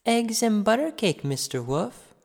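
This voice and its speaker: A man's voice: high voice, big pitch swings, unhurried, gravelly, big-room sound, pitched above the performer's own voice, heavily acted. A man reading a storybook aloud, voicing a sweet, innocent little girl who speaks politely and eagerly.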